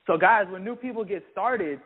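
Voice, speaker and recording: High-voiced man giving an upbeat sales training. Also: moderate pace. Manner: energetic, keeps saying "guys", acts out sample calls. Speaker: business trainer. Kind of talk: motivational training talk. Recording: tinny phone-like sound.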